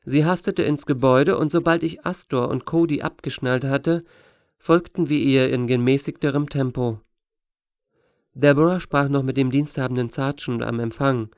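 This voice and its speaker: A man narrating an audiobook in steady, measured storytelling. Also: medium pitch, dry recording, clean studio sound. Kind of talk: scripted narration.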